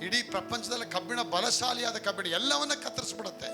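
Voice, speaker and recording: A man's voice: very high-pitched, fairly quick, vocal fry, music in the background. A male pastor preaching a live sermon, emphatic, often asking the congregation questions.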